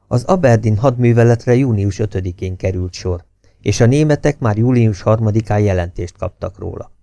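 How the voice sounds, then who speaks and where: A male audiobook narrator reads a novel in a steady, expressive way. His voice is low and dark, with a gravelly fry running through it. The recording is dry and close. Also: no room sound.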